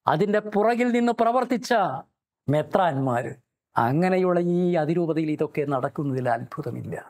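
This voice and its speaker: An older Malayali man speaks straight to camera in a high, ringing voice. He declaims with indignation and challenges his opponents by name. The recording is from a small indoor studio set. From Kerala, India. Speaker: lawyer and commentator. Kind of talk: direct-to-camera commentary. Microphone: fixed camera, head-and-shoulders framing.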